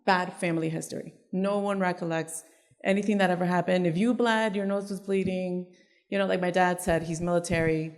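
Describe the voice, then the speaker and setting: A woman's voice: on the low side, fairly even intonation, a little fast. A woman from Ecuador sharing her own story in a live group discussion, candid and emphatic. She is heard in a conference hall with a long reverb. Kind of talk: personal testimony in a group discussion. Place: conference room at a live event.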